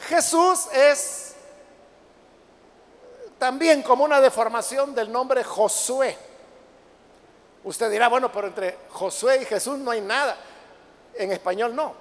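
Male preacher, very high voice, slow booming verse readings, long reverb. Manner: reads verses slowly and loudly, then explains conversationally; addresses the listeners as brothers. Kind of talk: Bible study sermon.

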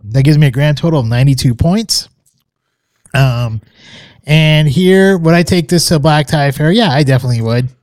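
A man's voice: a little high, moderate pace, no room sound, clean studio sound. A man co-hosting a podcast, giving a casual, rambling review full of fillers and restarts. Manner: relaxed, hesitant, many fillers and restarts. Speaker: podcast co-host reviewing scotch.

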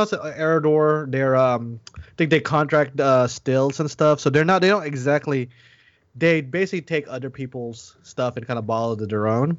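A man's voice: fairly high pitch, no room sound. Rambling man on a dull, dry podcast mic. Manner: rambling, many restarts and fillers. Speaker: podcast co-host. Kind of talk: casual chat.

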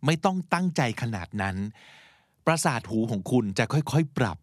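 Lively male podcast teacher. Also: fairly high pitch, normal speed, no room sound, studio quality. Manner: chatty, encouraging, mixes in English terms. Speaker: podcast host teaching English vocabulary. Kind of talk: casual explanatory teaching.

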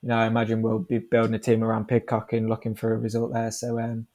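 A British professional cyclist in his twenties chats as a podcast guest, informal and laid-back. His voice is lowish, a little mellow, and monotone, and he talks fast.

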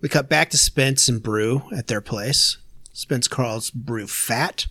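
A man in casual podcast chat, rattling through a plot summary with scattered uhs. His voice sits at an ordinary middle pitch. The sound is dry and close, with no room around it. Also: pushed and bright, no room sound. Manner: narrates plot quickly with filler uhs. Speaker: podcast host recapping episodes.

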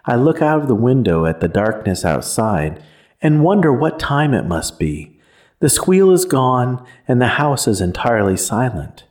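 A man narrating a first-person horror story in a measured, somber way. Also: mid-range voice, big pitch swings, darkish tone.

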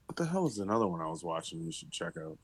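A man's voice: low-pitched, very animated, very fast, husky. A man joining a podcast as a guest over a video call, laid-back and joking in casual chat.

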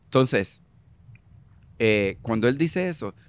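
Appearing as a guest in a political interview, a Puerto Rican man speaks with a Puerto Rican Spanish accent in a clear, resonant, medium-pitched voice. He is animated yet slow, stressing his points, repeating himself, and dropping in English phrases.

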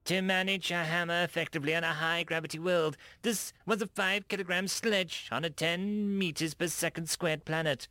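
Brief: menacing alien ambassador, smug and accusing, put on by a male reader; lifted pitch, dry close sound. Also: steady tone, moderate pace, hardly any pauses, bright, forceful tone, dry recording.

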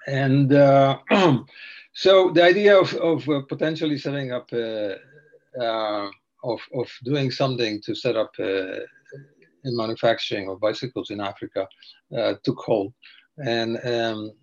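An older man talks through his story as a podcast guest, wandering and hesitant. His voice sits at a middling pitch, and the recording sounds a little dull and muffled. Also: measured pace. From Slovakia. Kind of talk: casual interview.

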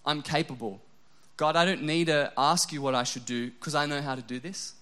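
A young adult pastor preaches a brisk, animated sermon, poking fun at himself along the way. When he voices prayers, he drops to a soft, low voice.

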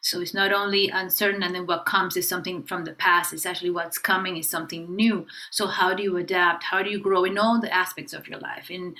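A woman co-hosting a podcast in casual chat, enthusiastic and upbeat, listing topics in quick runs. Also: lowish voice, fairly even intonation, pushed and bright, rough recording. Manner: enthusiastic, upbeat, talks in rapid lists. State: clearing her throat, voice catching. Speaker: podcast co-host.

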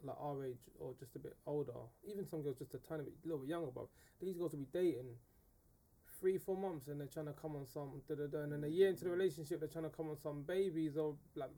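A man's voice: a little high, fast talker, dark tone. A man in his twenties with a London roadman accent, chatting casually in heavy street slang, emphatic, swearing and repeating himself. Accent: London roadman, urban street. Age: 20s.

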